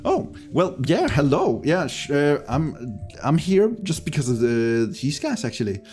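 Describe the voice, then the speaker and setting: A man's voice: a little high, very animated, a little slow, darkish tone, faint music behind, pitched above the performer's own voice. A man voicing an absent-minded, amiable wizard with a hesitant, offhand manner in a tabletop game. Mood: distracted, offhand.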